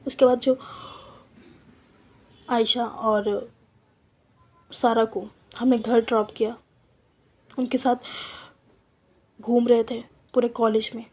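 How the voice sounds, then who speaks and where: Woman reading as a breezy, dismissive young woman in a storytime, higher voice, husky edge. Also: little pitch movement, slow, pauses often, a little mellow. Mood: breezy, defensive.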